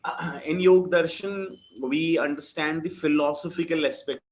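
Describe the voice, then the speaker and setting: A man's voice: on the high side, fairly even intonation. A man teaching yoga philosophy in an online class, explaining patiently and checking that his student follows. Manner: patient, explains slowly with many checks for understanding. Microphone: video call. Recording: dull lo-fi video call audio with faint music.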